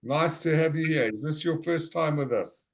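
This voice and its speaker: Over a video call, a man runs a live online English lesson, welcoming his students and saying their names back slowly and clearly. His voice sits fairly high, and the audio quality is poor.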